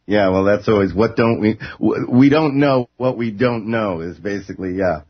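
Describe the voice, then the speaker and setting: Radio host guy from new york, steady announcer voice, slightly dull dry sound. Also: on the low side, no echo. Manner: measured announcer delivery. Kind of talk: broadcast interview.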